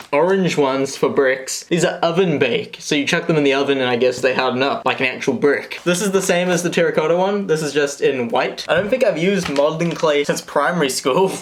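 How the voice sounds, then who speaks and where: A young man chatting casually to viewers as a vlog host, slangy, jokey and excitable. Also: a little high, a little hiss or hum. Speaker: host of a hobby craft video channel.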